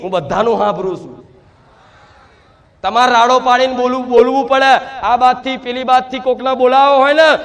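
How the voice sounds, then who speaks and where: A man's voice: very high voice, a bit bright. A man preaching a sermon to devotees, speaking in first person as the mother goddess and repeating fervent rhetorical questions.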